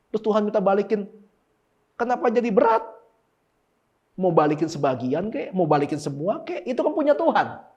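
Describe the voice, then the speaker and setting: A man preaching a sermon in a lively, casual way, firing off rhetorical questions and slangy asides. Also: sits high, dull audio. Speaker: pastor. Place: church service.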